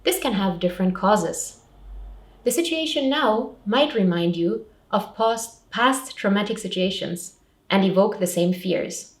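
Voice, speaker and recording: An unhurried woman with a medium-pitched voice presents a scripted public information talk as a support counsellor. Her advice is simple, step by step, and clearly structured in short sentences, and the distant microphone gives the recording a roomy echo.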